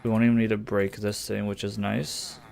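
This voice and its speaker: A man streams a survival game, chatting casually, muttering to himself, and swearing under his breath when things go wrong. His fairly low voice is level, at normal speed, with vocal fry and a darkish tone, and lofi music plays faintly behind.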